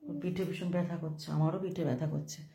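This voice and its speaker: Casting: low, mellow-voiced woman in her forties, casual home vlogger, roomy phone sound. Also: steady tone, fairly quick, vocal fry, slight background noise. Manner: chatty, storytelling to viewers. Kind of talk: casual vlog chat to viewers. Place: home at night. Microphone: phone camera.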